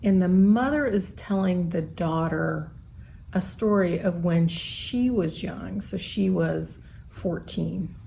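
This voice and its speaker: A woman's voice: lowish voice, slow, creaky, mellow, slight background noise. A woman co-hosting a podcast, chatting casually and wryly, trailing off with fillers. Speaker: podcast co-host. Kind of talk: casual chat.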